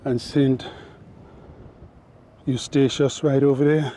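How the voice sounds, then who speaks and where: Brief: winded man, mellow voice, brisk vlog host talking to folks outdoors on a climb. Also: mid-range voice, flat delivery, a little hiss or hum. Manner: brisk, addresses viewers as folks. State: out of breath from climbing. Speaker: tour guide vlogger. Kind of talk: casual travel vlog narration. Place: outdoors on a hillside.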